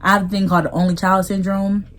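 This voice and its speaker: A woman's voice: medium pitch, flat delivery, quick pace, a bit bright, slight background noise. A young American woman chatting in a laid-back, slangy way, sharing stories casually in a mukbang video. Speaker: vlogger. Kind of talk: casual storytime chat during a mukbang.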